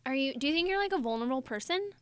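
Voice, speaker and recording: Woman host, a bit high-pitched, friendly questions, dry sound. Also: lively intonation, racing, a bit bright, no echo. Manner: friendly, encouraging, short prompts. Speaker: interviewer host. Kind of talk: casual interview chat.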